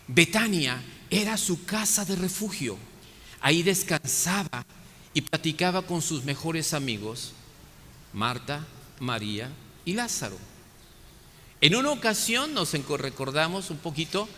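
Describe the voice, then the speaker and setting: Lively priest preaching in an echoey church. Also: male voice, a little high, a little slow, a little hiss or hum. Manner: lively storytelling, acting out the voices of biblical figures. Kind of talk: sermon.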